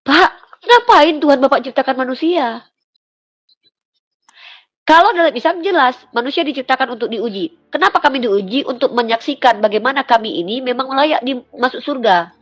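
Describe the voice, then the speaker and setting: Insistent, animated woman debating hard. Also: high voice, moderate pace. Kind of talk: heated religious debate.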